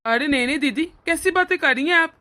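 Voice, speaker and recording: A woman's voice: high-pitched, sharp tone. A woman voicing a hot-tempered young husband and doting brother in a cartoon. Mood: earnest. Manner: earnest, quick to anger. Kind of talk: cartoon voice acting.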